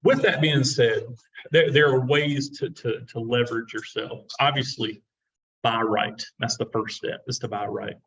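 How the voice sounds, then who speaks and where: A man's voice: medium pitch, fairly even intonation, unhurried, fairly bright tone, far from the mic, highs cut off, slight background noise. A middle-aged man who works as a real estate investor, giving casual, encouraging advice and often repeating his words.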